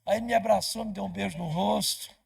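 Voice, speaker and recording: Brazilian pastor, storytelling sermon, animated voicing of dialogue, raspy and very gravelly. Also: male voice, high voice, fast. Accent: Brazilian Portuguese. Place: church.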